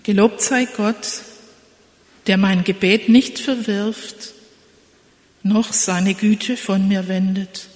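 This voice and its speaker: A woman pastor giving a slow, reflective sermon in a church. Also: medium pitch, fairly even intonation, a little mellow. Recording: echoey church with long reverb.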